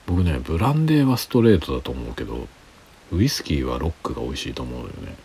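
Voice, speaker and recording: Very deep-voiced tipsy man chatting late. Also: very animated, fast, gravelly, darkish tone, breathy edge. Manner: rambling, tipsy. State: drinking alcohol, tipsy. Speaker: livestream host. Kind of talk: low-voiced late-night casual chat.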